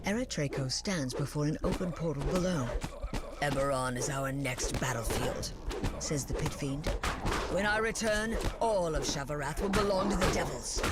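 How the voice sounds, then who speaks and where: A man's voice: fairly high pitch, close to an everyday voice. A man playing a dungeon master, narrating a fantasy game quest in a theatrical storytelling manner. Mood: commanding. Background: loud game music.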